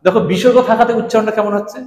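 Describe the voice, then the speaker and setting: Man, high voice, patient grammar lesson, echoey room, long reverb. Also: steady tone, a little mellow. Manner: patient, repeats examples slowly, addresses students directly. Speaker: Sanskrit teacher.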